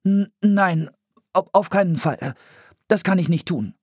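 A man's voice: sits high, big pitch swings, fast, darkish tone, slightly rough, no room sound, clean studio sound, pitched above the performer's own voice, full character voice. A man voicing a shy, nervous young boy who stammers. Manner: timid, stammering.

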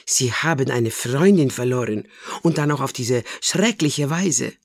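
A man voicing an excitable, dramatic older Italian woman who speaks in emphatic, emotional bursts. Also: mid-range voice, measured pace, vocal fry, no room sound, studio quality.

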